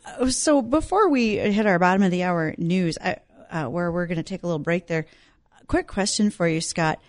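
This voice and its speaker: A woman's voice: on the low side, normal speed, no room sound, studio quality. A woman hosting a radio show in a chatty, informal, conversational way, moving between questions and announcements. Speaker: radio host. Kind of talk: conversational hosting with sponsor reads.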